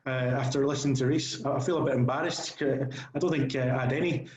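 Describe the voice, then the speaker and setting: A man with a broad Scottish accent speaks in a measured, explanatory manner as an interview guest. His voice is mellow and middling in pitch, with a clearly echoey room sound. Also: steady tone. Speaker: guest golf scholarship consultant. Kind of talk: question and answer session.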